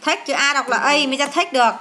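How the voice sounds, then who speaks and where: A woman's voice: high voice, fast, a crowd in the background. A woman teacher, going through an English test with a child, asking questions and answering them herself.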